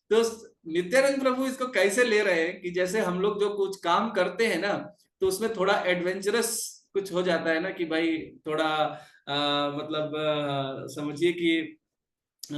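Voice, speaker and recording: Male devotional teacher, high voice, animated storytelling full of "uh" fillers, echoey room.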